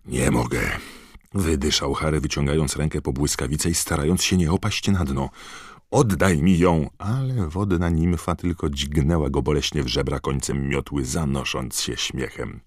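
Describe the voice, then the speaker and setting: A man reading a storybook aloud with an expressive, dramatic delivery. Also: rumbling low, moderate pace, few pauses, no echo, studio quality. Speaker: audiobook reader. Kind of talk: storybook narration.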